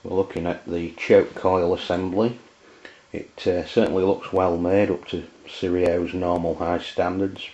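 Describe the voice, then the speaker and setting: An English man with a very low voice talks his way through a hands-on amateur radio review, unscripted and flat, in plain words broken by frequent hesitations. The audio is dull and lo-fi, like a handheld camera's built-in mic.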